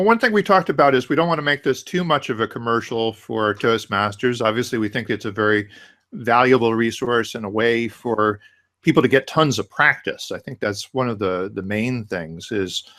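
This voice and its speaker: A man's voice: medium pitch, moderate pace, a bit bright. A man hosting a webinar interview over a video call, asking questions in a hesitant way with repeated words. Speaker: webinar host.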